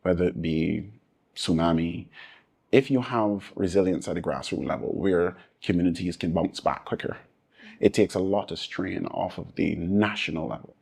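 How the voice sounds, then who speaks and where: Barbadian man, interview guest, very low voice, husky tone, measured and earnest. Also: darkish tone. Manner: measured, listing points in layered repetition. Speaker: interview guest, disaster resilience advocate.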